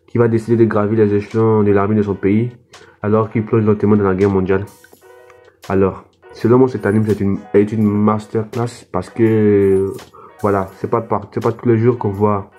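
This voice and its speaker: A man's voice: fairly low pitch, mellow, dull audio. A young French man reviewing anime casually, hesitant, with frequent fillers and restarts. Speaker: anime YouTuber.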